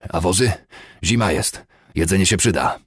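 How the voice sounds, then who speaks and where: A man's voice: low-pitched, normal speed, breathy edge, dry recording, clean studio sound. A man voicing a weary, hesitant, good-natured cavalry lieutenant who speaks breathlessly and pleads with his commander. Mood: hesitant pleading.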